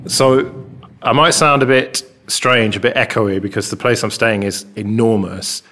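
A man with an English accent talks in a loose, rambling way, full of fillers. His voice is fairly low and bounces around a big, bare hall with a concrete floor, so every line carries a roomy echo. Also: steady tone, a little slow, bright, forceful tone. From England. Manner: rambling and chatty, with many fillers. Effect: big hall echo from an enormous, bare room. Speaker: podcast co-host. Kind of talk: casual chat. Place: large open flat with a concrete floor.

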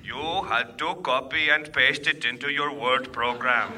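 An actor playing a polite, cheerful ghostwriter in a comedy radio sketch, patient and eager to please. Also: male voice, medium pitch, fairly even intonation, a little slow, bright, forceful tone, slight background noise. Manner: courteous, patient, upbeat. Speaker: sketch character.

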